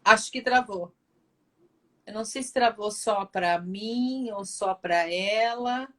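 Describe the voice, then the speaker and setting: A woman's voice: medium pitch, takes it slowly. A woman hosting a live video chat, reading viewer questions aloud. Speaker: host.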